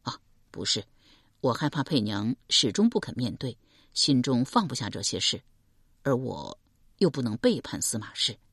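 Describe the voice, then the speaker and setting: A woman voicing a gentle, wounded young man in an audiobook, speaking softly and tenderly. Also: extremely low pitch, very animated, normal speed, slightly rough, dry recording, clean studio sound, pitched below the performer's own voice, exaggerated voice. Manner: soft, tender.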